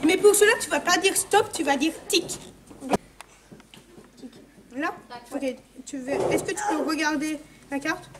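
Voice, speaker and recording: A magician performing card tricks at a kids' party delivers live patter, giving volunteers instructions and asking them questions. His high voice is unhurried, with frequent pauses, and the large indoor hall echoes loudly with crowd noise.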